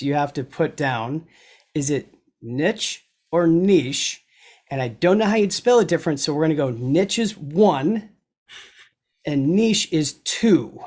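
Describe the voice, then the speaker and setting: A man's voice: fairly high pitch, darkish tone. Chatty joking man hosting a live Q&A. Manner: joking, chatty, laughs often. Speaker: co-host. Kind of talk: casual live Q&A chat.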